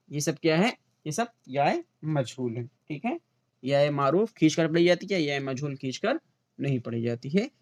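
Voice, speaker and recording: In a clean, dry studio recording, a slightly high-voiced man with an Urdu-inflected Hindustani accent runs an online grammar class aimed at a teacher exam. He slowly repeats example words and answers his own questions.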